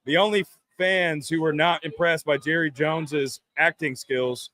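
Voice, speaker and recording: A man co-hosting a casual sports talk show, rambling with halting restarts and jokey asides. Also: fairly high pitch, steady tone, pushed and bright.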